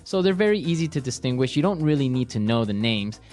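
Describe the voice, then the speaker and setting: A man's voice: medium pitch, sing-song, quick pace, a little mellow. Male co-host, casual, steers the talk, faint music bed. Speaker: podcast co-host. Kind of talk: casual teaching chat.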